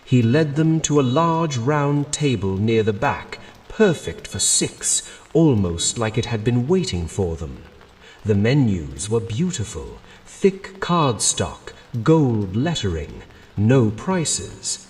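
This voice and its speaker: A man narrating a scripted horror story in a deliberate, dramatic manner, in short, measured phrases. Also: medium pitch, darkish tone. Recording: long hall-like reverb.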